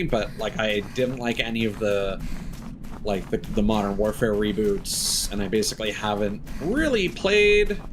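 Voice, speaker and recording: With game music in the background, a game streamer in his thirties talks bluntly and casually over his gameplay, voicing strong opinions and swearing now and then. His voice sits on the low side, and there's background noise.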